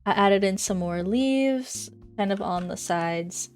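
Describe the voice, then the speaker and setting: Showing off a game build, a young woman offers chatty, rambling Minecraft commentary and keeps correcting herself. Her slightly congested voice is medium in pitch, darkish, clear and resonant, and she speaks slowly. Faint music plays behind her.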